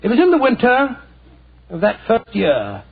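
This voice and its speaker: Doctor Watson, a genial old doctor, speaks with a high, husky voice in a 1940s radio drama. His talk is fatherly and chatty, with small halting restarts. It comes through a thin, tinny old transcription. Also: huge pitch swings, full character voice. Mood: narrating. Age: older. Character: elderly male doctor, genial old storyteller.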